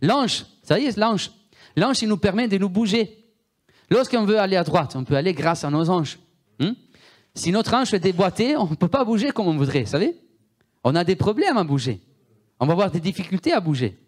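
With a sing-song lilt and a moderate pace, an Italian-born preacher delivers his sermon in a heavy Italian accent. His voice is a touch high for a man, and he is emphatic, repeating words and regularly addressing questions to those listening.

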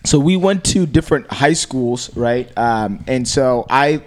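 A man's voice: medium pitch, animated, a little slow. A man in his thirties, well spoken, recounting how his friendships formed. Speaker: guest. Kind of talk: casual chat.

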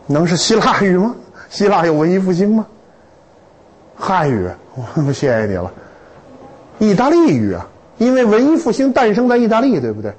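A man lecturing to students in a lively, humorous way, with stories and rhetorical questions. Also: sits high, normal speed, slightly rough, low-quality recording.

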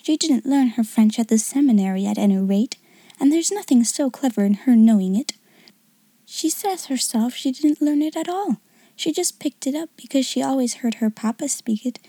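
A haughty, jealous schoolgirl, as a woman narrator puts her on sneers and mimics a prim grown-up, her voice pushed up high. The tone is dark and breathy, close and dry. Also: animated, normal speed, no room sound, full character voice. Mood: mocking. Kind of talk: audiobook character reading.

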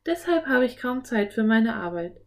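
Storybook: calm, mysterious, friendly sorceress, read by a woman. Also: fairly high pitch, normal speed, creaky, voice pushed up.

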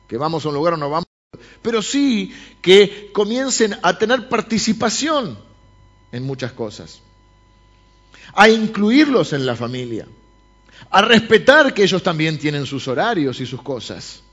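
Male pastor with a Rioplatense accent, higher voice, preaching to the congregation, dull recording. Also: a little slow. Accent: Rioplatense Spanish. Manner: lively, speaks directly to the congregation. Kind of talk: sermon. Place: church service.

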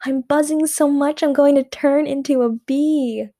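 A woman voicing an excited young boy in a read-aloud story, with high, shrieking protests. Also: unhurried. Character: excited young boy who loves power sticks.

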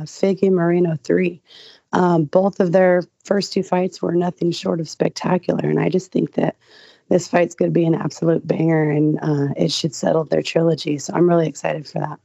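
A woman's voice: lowish voice, little pitch movement, normal speed, gravelly, warm tone, no echo. A woman co-hosting a podcast in casual, easygoing chat. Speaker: podcast co-host. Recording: dull lo-fi sound.

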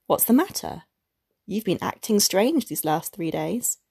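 A woman's voice: mid-range voice, sing-song, unhurried, a little mellow, breathy edge, no echo, clean studio sound, heavily acted. A woman reader voicing an anxious, eager-to-please clerk husband who stammers and pleads. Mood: coaxing.

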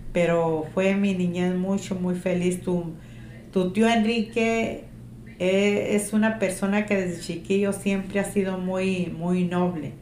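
A middle-aged mother reminisces about her childhood with a strong, low-pitched voice and brings old conversations to life as she tells them. The room is echoey, with faint ambient noise underneath. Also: slow. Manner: animated, strong voice, acts out remembered dialogue. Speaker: interviewee, mother of the interviewer. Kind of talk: casual family storytelling.

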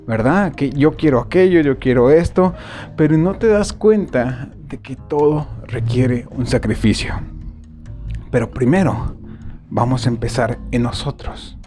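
A man speaks at a mid pitch in a motivational monologue. He swings between loud, punchy rhetorical questions and low, hushed asides. Soft music runs faintly behind him. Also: measured pace.

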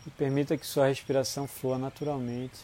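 A man with a Brazilian Portuguese accent leads a guided relaxation in a soothing, unhurried manner, leaving long pauses between short phrases. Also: mid-range voice, level tone, warm tone, a little hiss or hum. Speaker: guided meditation instructor. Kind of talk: guided body-scan relaxation.

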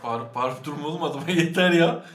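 A man's voice: fairly high pitch, quick pace, echoey room, over loud music. A man co-hosting a casual podcast, joking and laughing along with the others. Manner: jokey, laughing.

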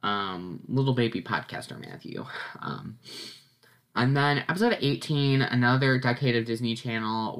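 On his solo podcast, a teenage boy recaps things casually in a medium-pitched, fairly bright voice. He keeps it upbeat with plenty of ums and quick laughs, and there's a mild congested, sniffly quality to him.

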